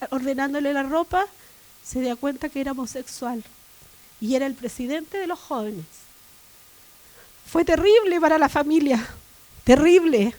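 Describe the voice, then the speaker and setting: High-voiced woman preaching a sermon. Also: poor audio. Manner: rising to loud emphatic repetition. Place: church.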